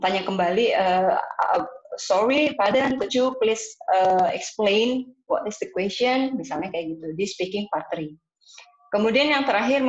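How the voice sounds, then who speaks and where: Indonesian woman teaching ielts speaking, lots of ums, roomy echo, kinda muffled. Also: mid-range voice. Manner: casual teacher's talk with hesitations and English terms. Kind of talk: explanatory lesson. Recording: echoey room, dull sound.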